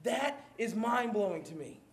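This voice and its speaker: A high-voiced male pastor from Maryland delivers an animated sermon. He laughs often and pokes fun at himself. The sound carries the echo of a large room. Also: normal speed. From Maryland, USA.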